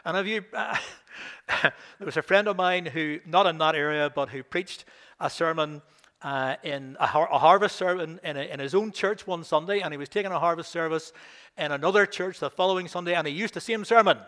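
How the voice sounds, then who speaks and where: A man's voice: fairly high pitch, a little fast, bright, forceful tone. An older man with a Northern Irish accent, a minister giving a sermon who reads scripture with rising emphasis and tells stories with chuckling asides. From Belfast. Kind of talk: sermon with scripture reading and anecdotes.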